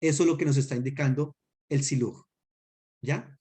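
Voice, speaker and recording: Patient pastor teaching a class. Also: male voice, medium pitch, mellow, breathy edge. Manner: patient, explains slowly with spoken examples and checks understanding. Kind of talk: teaching a class on Hebrew accents.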